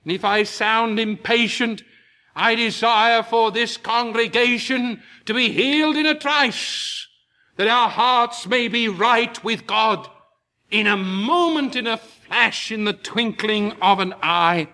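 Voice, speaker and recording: Male preacher, very high bright voice, deliberate unhurried sermon delivery with impassioned climbs. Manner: slow, emphatic preaching with rising impassioned peaks.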